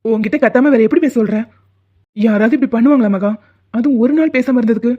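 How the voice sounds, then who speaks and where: A voice actor doing a young cartoon boyfriend with a quick temper and a caring heart, who scolds and then lectures earnestly. The pitch sits in the middle, and the sound is thin and tinny, as if over a phone. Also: close to an everyday voice. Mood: angry.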